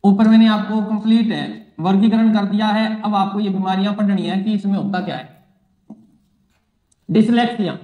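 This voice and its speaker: High-pitched teacher in echoey room. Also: male voice, fairly even intonation, moderate pace, mellow. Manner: repetitive, drills phrases, asks and answers own questions. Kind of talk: exam-prep classroom lecture.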